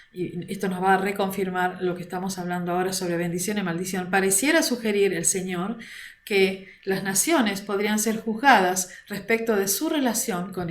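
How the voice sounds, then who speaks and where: An Argentine woman who coordinates a prayer ministry teaches an online Bible class in a measured way, with an Argentine Spanish accent and fillers like "este." Her voice is mid-range, picked up by a computer mic on a video call.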